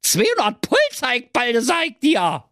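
A narrator voicing a dim-witted, frantic young mother with a Berlin accent in a squeaky, shrieking voice. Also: huge pitch swings, a little slow, fairly bright tone, dry recording, clean studio sound. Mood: panicked.

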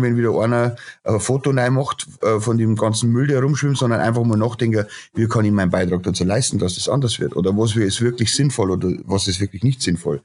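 A man's voice: mid-range voice, a little mellow, breathy edge. A middle-aged man, a chef and restaurateur ranting bluntly in a casual podcast interview, full of fillers and restarts. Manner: blunt, ranting, lots of filler sounds and repeated starts.

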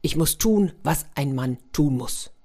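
A woman's voice: sits low, animated, measured pace, dark tone, heavily acted. A woman voicing a formal, gallant male tin soldier who captains a paper boat in a children's story. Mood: solemn. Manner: stiffly polite, commanding.

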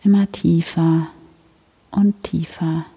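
A woman leading a guided meditation in a gentle, hushed, soothing manner like a sleep story narrator, with long pauses. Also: sits low, steady tone, vocal fry, husky. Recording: long hall-like reverb.

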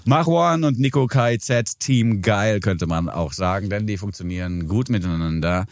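A man's voice: on the low side, normal speed, no echo, studio quality. Enthusiastic man in his forties. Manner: animated, enthusiastic, explains at length. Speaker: podcast co-host. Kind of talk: casual music podcast chat. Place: studio in a cellar.

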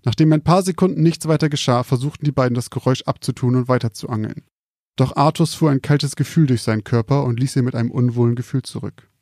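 A man calmly reading out a scripted spooky story in a measured, quiet storytelling manner. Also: mid-range voice, no echo, studio quality.

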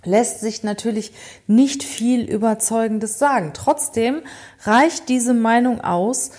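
A woman's voice: mid-range voice, a little mellow. Woman hosting a chatty teaching podcast. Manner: conversational, asks many rhetorical questions; speaks directly to the listener. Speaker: podcast host. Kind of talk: educational podcast monologue.

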